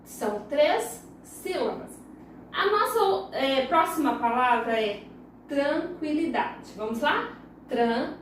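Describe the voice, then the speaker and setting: A woman teaches young children in a recorded lesson, her Brazilian Portuguese accent clear as she patiently spells words out syllable by syllable. She is a primary school teacher with a high, expressive, slow voice. The very echoey room, distance from the mic, and a little hiss or hum mark the recording.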